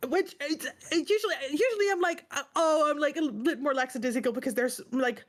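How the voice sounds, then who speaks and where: Speaking fast in a high voice, a woman who co-hosts a book club stream vents during a casual chat. She's stressed and upset, rambling emphatically and with exasperation, swearing along the way.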